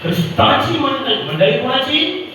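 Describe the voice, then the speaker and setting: A man's voice: extremely high pitch, big pitch swings, moderate pace, distant mic, background noise. A male preacher giving a sermon over a PA system, repeating his phrases and asking the congregation questions. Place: church hall. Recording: echoey hall PA sound from afar.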